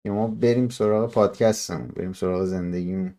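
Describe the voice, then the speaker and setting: A man's voice: on the low side, steady tone, warm tone. A man hosting a podcast in casual, bantering chat. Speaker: podcast host.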